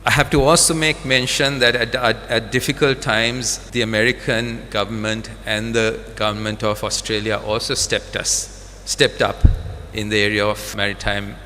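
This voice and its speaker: A man with a Sri Lankan accent delivers a formal official address. His voice is bright and forceful, with deliberate repetition for emphasis. It rings through a reverberant hall over faint noise. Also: on the low side, little pitch movement. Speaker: government or defence official speaking at a ceremony. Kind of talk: formal public speech.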